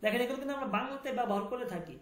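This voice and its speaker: A man's voice: very high-pitched, racing, a bit bright, roomy sound. A man teaching a language class, repeating each sound and asking students to confirm.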